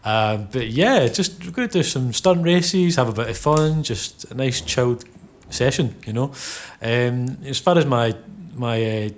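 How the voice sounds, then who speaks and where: There's a little hiss or hum behind this easygoing Scottish gamer in his thirties as he rambles through relaxed gameplay commentary. His medium-pitched voice moves a little slowly, filled out with lots of "you know"s and "um"s.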